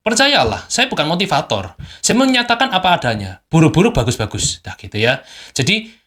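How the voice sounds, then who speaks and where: A man's voice: on the high side, huge pitch swings, brisk, fairly bright tone. A young man, a business owner, giving an unscripted motivational talk to camera at home at night, blunt and emphatic, repeating phrases to drive points home. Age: young adult.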